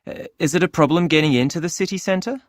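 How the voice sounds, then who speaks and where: A man's voice: a little high, quick pace, no room sound, studio quality, close to an everyday voice. An actor playing a friendly male club clerk who takes down details for a form in a scripted listening exercise. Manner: polite, asks form questions while typing. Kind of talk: scripted exam listening recording.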